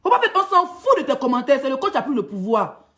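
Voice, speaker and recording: A woman's voice: high voice, big pitch swings, fast talker, a bit bright. A woman blogger with an Ivorian French accent, ranting in a heated, mocking vlog monologue. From Ivory Coast. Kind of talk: ranting social media vlog.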